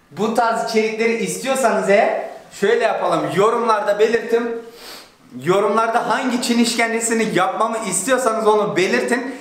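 A man's voice: sits high, fairly bright tone. Exasperated young man in an echoey room. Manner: exasperated, swearing, comic complaining. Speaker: YouTuber. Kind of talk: casual vlog chat.

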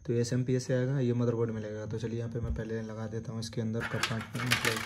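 A man casually walking viewers through installing a hard drive, talking in a steady, repetitive instructional way. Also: mid-range voice, fast talker. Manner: flat, repetitive instructional talk with fillers. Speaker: tech tutorial host. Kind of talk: casual hands-on tutorial. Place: indoors at a desktop PC. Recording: noisy home recording.

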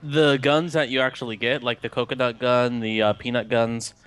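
A man's voice: medium pitch, flat delivery, moderate pace, a bit bright, clear, resonant tone. A young man casually chatting during a video game, sharing trivia and laughing easily. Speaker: let's play co-host. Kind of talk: casual gaming chat.

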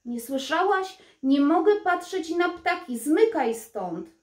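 A woman voicing a gruff, grieving king who shoos a bird away. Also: sits high, unhurried, warm tone. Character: grieving angry old king, father. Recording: roomy echo.

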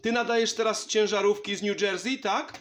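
Talking a little fast, a man with a high, steady, slightly bright voice carries on a friendly CB radio contact chat. He's the operator and channel host, speaking from an indoor home radio station.

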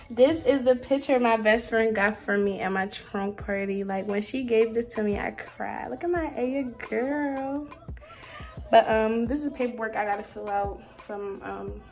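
Soft music plays behind a young woman's mid-range voice, which has fairly even intonation and a normal speed. A college freshman, she casually tours her small dorm room, chattily listing items for her viewers, whom she calls "y'all."

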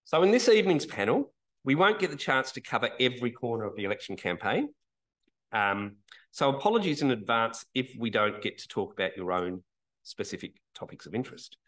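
A man's voice: mid-range voice, very animated, brisk, fairly bright tone, low-quality recording. A man giving opening remarks at a public panel event, talking informally with many fillers. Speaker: event organiser.

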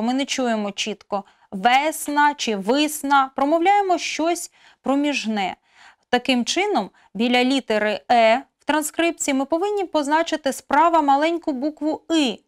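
A woman teaching a language lesson, explaining slowly and carefully with spelled-out example words. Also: on the high side.

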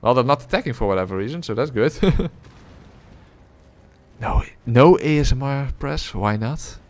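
A man streams a game and chats with his viewers, speaking close to a desk mic in a mid-range, expressive voice at a moderate pace. He rambles through casual live gameplay commentary and reads chat, full of filler sounds and small chuckles.

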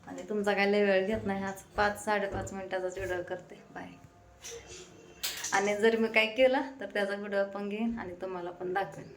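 A woman's voice: medium pitch, little pitch movement, fairly quick. A woman in her thirties, a mother chatting casually to her viewers while doing chores at home. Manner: chatty, talks straight to viewers while busy. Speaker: mother and vlogger. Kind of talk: casual home vlog chat. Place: home, kitchen. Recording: echoey room.

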